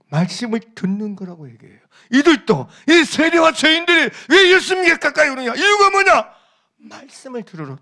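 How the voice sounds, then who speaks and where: A male pastor delivers a sermon in a bright, ringing voice. He talks with emphasis, repeats his key phrases and quizzes the congregation. His tone stays lively and animated throughout. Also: very high-pitched.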